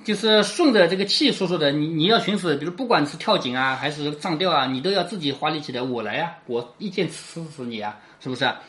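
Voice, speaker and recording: A teacher talks through a chapter of a classic novel conversationally, frequently asking the listener "right?" and dropping to a quiet tag as sentences end. The mid-range voice is expressive and fast, with hardly any pauses.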